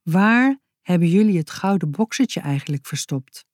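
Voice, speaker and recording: A woman voicing a gentle, large father in a storybook reading, speaking softly. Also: on the low side, expressive, moderate pace, dry recording, studio quality. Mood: curious.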